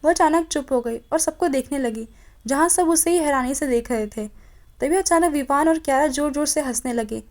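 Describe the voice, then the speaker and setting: At a moderate pace, a woman whose voice is high and a little mellow narrates a romance story. She performs all the characters with subtle changes in tone and goes back to correct her own slips.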